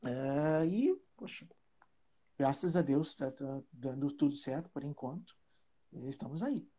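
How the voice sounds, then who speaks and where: A man from Trinidad and Tobago, his English, chatting as a guest teacher and pausing often to find his words. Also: mid-range voice, lively intonation, warm tone, breathy edge. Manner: hesitant, searching for words, with many fillers. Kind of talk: casual live chat.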